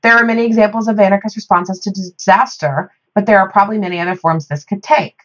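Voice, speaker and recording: An American woman speaks thoughtfully in a reflective podcast discussion, halting and pausing between phrases. Her voice is medium-pitched, and the audio sounds dull.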